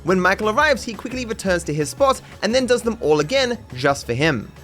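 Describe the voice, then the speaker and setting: This is scripted comedic narration over game footage, read by a man whose high-pitched voice is very animated, brisk, and slightly bright. He keeps the tone dry and sarcastic, mock-serious throughout, with music running underneath.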